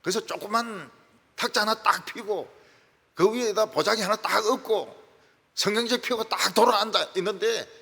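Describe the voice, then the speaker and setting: A man's voice: normal speed, gravelly, pushed and bright, slightly rough. A male pastor, preaching a sermon in a folksy storytelling manner. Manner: folksy storytelling with wide swings in pitch and volume. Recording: echoey church hall.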